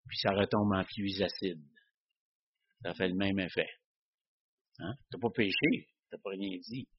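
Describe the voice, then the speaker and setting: Guy talking about faith, kinda husky voice, dull lo-fi recording. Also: sits low, measured pace. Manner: conversational, frequent tag questions. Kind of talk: casual teaching on faith.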